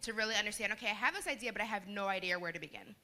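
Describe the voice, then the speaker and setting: A woman's voice: mid-range voice, racing, bright, forceful tone. A woman moderating a live panel, chatty and playful as she asks questions.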